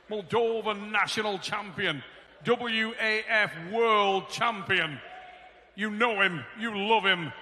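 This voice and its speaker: A man working as a ring announcer, calling out the athletes with booming, drawn-out hype. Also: sharp tone, reverberant, big-room sound. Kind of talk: arena announcing.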